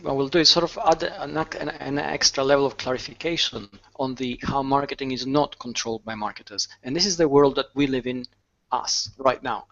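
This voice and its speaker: A man speaking as a guest on a video-call panel, thoughtful, restarting his sentences and filling pauses with ums. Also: medium pitch, gravelly, a bit bright, lo-fi sound.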